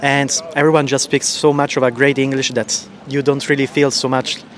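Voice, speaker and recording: A man's voice: mid-range voice, level tone, normal speed. A man from Sicily, a researcher answering street interview questions thoughtfully, with restarts. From Sicily, Italy. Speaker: postdoctoral researcher. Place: city street outdoors.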